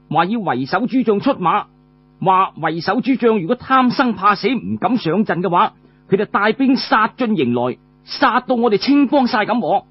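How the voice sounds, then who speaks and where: With a high, slightly rough voice, a Cantonese-accented man spins a traditional story, dramatic but conversational, lingering on his particles. The highs in the recording are cut off.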